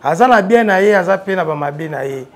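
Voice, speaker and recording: A man with a Congolese French accent, his voice high and brisk, sits on a sofa in a TV studio for a casual interview about his music career. He moves between French and Lingala, telling his stories with animation and turning loud when excited.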